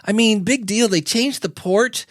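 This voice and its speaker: A man plays an easygoing modern-day messiah as a guest on a comedy podcast, casually explaining things in interview chat. His voice is notably high for a man, and his measured, folksy, hesitant delivery resembles a small-time marketer. The sound is very dry with no echo.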